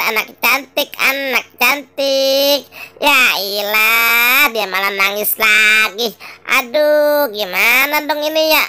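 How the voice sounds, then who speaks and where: A performer voicing Dule, a male ondel-ondel puppet from a Jakarta puppet show, fussing anxiously over a crying baby and hushing it in a sing-song voice, with a Betawi Jakarta accent. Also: medium pitch, clear, resonant tone. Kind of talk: puppet show play-acting. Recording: music playing behind.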